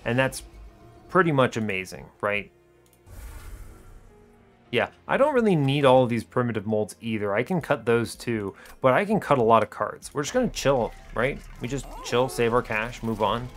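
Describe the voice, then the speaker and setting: Over soft background music, a man with a mid-range voice and lively intonation speaks at normal speed while hosting a gaming video. He's the host of an educational gaming series, thinking aloud with casual, chatty remarks and a breezy, wry understatement.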